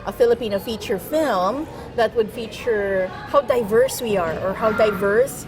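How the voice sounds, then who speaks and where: Woman interviewer, somewhat high voice. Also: a little slow, poor audio. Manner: encouraging, frequent "mm-hmm". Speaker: interviewer host. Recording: music playing behind.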